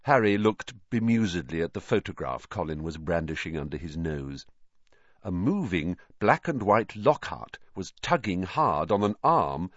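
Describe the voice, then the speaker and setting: A man reading an audiobook in scripted narration, expressive and voicing the characters. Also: low-pitched, no echo, lo-fi sound.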